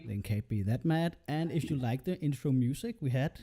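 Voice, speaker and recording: A man's voice: mid-range voice, lively intonation, normal speed, warm tone, breathy edge. A man hosting a tabletop game stream as game master, talking loosely, swearing and laughing a lot. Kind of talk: casual stream intro.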